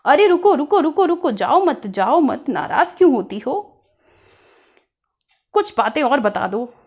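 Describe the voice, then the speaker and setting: A woman's voice: high voice, sing-song, slow pace, full character voice. A woman voicing a cheerful, bumbling young man who is weak at Hindi and keeps asking puzzled, stumbling questions. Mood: puzzled, pleading.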